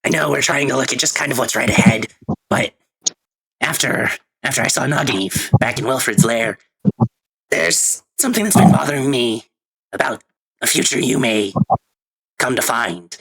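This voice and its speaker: A man playing a weary, reflective, gently concerned adventurer in a tabletop game, husky and gravelly, speaking haltingly. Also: medium pitch, expressive, rough recording. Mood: thoughtful, concerned.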